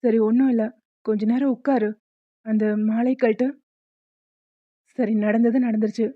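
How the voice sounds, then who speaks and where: A woman voicing a gentle young husband in a cartoon, soothing and patient. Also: fairly high pitch, fairly even intonation, a little slow, no echo, narrow, tinny audio. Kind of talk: cartoon voice acting.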